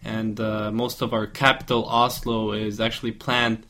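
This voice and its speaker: A man's voice: fairly low pitch, flat delivery, moderate pace, bright, forceful tone. A man from Norway, taking part in a casual discussion in English, hesitating often with fillers. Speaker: discussion participant.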